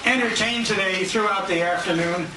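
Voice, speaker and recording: A man with a high-sitting voice and moderate pace acts as emcee for banquet guests, jovial, folksy and a bit hesitant; he is also a radio host. He was recorded from a distance on a handheld compact camera in an indoor restaurant banquet room. The dining room is noisy and echoey, with loud diners and clattering dishes and cutlery.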